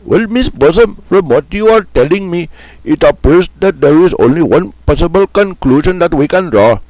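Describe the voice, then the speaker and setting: A man's voice: a little high, lively intonation, normal speed, darkish tone, no room sound, lightly acted, poor audio. A man playing a field correspondent who talks in a stiff, oddly formal way.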